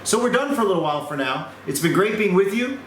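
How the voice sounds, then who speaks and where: A man narrating a recorded music lesson, explaining things clearly in a teaching manner. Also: sits high, sing-song, fast, fairly bright tone, slight background noise.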